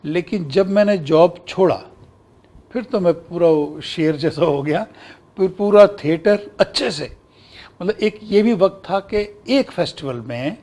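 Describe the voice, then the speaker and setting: A middle-aged actor and broadcaster from Kashmir, India, recalls his career in an interview, bringing it to life by acting out old conversations. His voice is high-pitched and his pace is measured.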